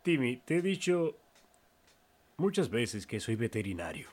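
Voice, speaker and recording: A man's voice: mid-range voice, big pitch swings, measured pace, darkish tone. A man doing a flustered stammering vet dad. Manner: stammering, apologetic. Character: flustered male veterinarian father.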